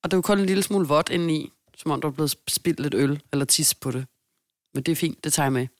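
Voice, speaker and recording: A woman's voice: sits low, no room sound, studio quality. A Danish woman co-hosting a podcast, casually telling a story and acting out the people in it. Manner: animated storyteller, acts out quoted people. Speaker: podcast co-host. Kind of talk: casual chat.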